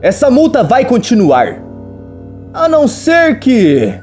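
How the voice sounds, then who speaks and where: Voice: medium pitch, wildly swooping pitch, takes it slowly, darkish tone, soft background music, voice pushed up. A narrator reading a smug scheming male boss who mocks and bargains. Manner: mocking, smug.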